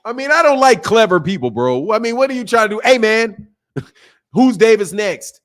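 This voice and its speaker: Speaking briskly with a high voice and big pitch swings, a US man runs a boxing talk livestream. He chats casually with viewers, reading and replying to their messages with emphatic slang and repeated phrases.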